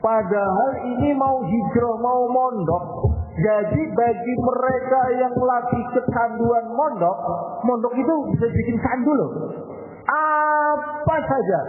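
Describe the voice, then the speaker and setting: A man preaches a sermon in a high voice. He tells stories lively and acts out both sides of a talk between a mother and child. The sound is thin and phone-like, with long hall echo and faint music underneath. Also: takes it slowly. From Indonesia. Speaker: Islamic preacher.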